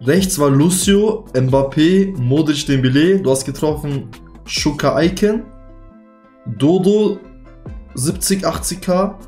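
Gaming host, male, twenties. Laddish frat-bro slang, dramatic delivery, fairly high voice, faint music behind. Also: slow pace, a little mellow, roomy sound. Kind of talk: casual gameplay commentary. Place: small dark gaming room at home.

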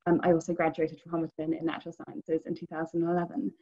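Woman in her thirties, low voice, panel moderator, many ums, dull video call sound. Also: completely flat delivery, fast, warm tone. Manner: friendly, hesitant with many ums. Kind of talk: online panel introduction. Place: living room at home. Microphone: video call, laptop camera.

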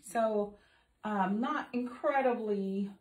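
Speaking slowly in a slightly mellow, medium-pitched voice, a middle-aged art teacher walks through a painting in her home studio, casual and chatty with lots of ums. A recent illness has left her voice a little off. She's recorded off-mic by an overhead phone camera positioned to her side, in a room with noticeable echo.

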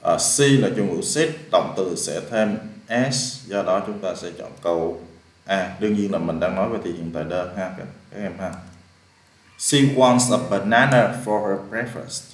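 A man's voice: low voice, measured pace, reverberant. Vietnamese man patiently explaining English exercises. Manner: patient, explains step by step, repeats key words. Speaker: English teacher.

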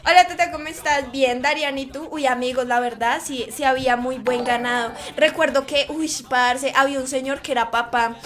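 A young woman, a high squeaky voice, chatting and teasing as she reads her live-stream chat aloud. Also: steady tone, normal speed, few pauses, fairly bright tone.

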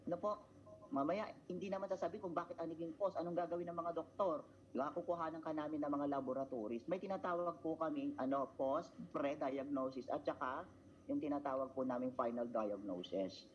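A man's voice: on the high side, fairly quick, dull audio, slight background noise. A man from the Philippines leading a product training seminar, asking listeners rhetorical tag questions and drilling points through repeated chant-like phrases.

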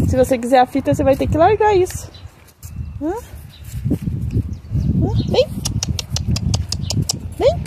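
High sing-song woman coaxing her dogs. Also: background noise. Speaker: pet owner filming her dogs. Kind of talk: baby-talk to pets while filming. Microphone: phone camera.

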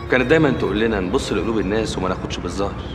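An actor playing a kind young man with an Egyptian accent, calmly reassuring. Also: lowish voice, very fast, long reverb tail, over loud music, natural voice. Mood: gentle. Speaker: engineer, businessman's son. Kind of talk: TV drama acting.

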